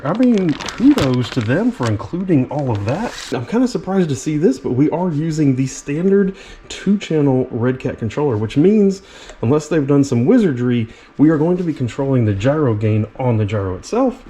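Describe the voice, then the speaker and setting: Excited man unboxing a drift car. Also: on the high side. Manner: enthusiastic, exclaiming over features; talks to viewers directly. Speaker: RC car reviewer. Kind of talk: product unboxing and review.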